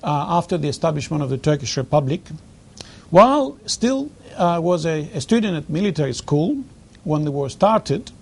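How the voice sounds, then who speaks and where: High, gravelly-voiced man lecturing. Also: lively intonation. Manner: halting, many fillers and restarts; earnest, stresses key words. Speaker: conference speaker. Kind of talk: historical lecture.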